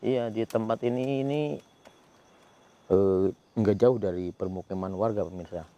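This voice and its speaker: A man hosting a ghost-hunting vlog outdoors near a village, talking in a hushed voice to his companion and muttering Islamic prayers. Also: lowish voice, measured pace, highs cut off. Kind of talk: hushed on-location narration.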